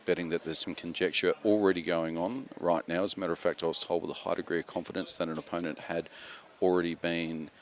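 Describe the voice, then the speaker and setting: A man giving live, unscripted sports commentary in a halting, measured way, repeating phrases. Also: low voice, little pitch movement.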